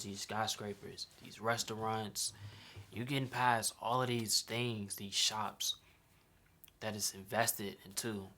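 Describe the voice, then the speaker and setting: A young sneaker designer from Chicago, USA, explains his custom sneaker in a casual vlog, using laid-back slang and often ending lines with "right?". His voice is fairly low with a sharp tone.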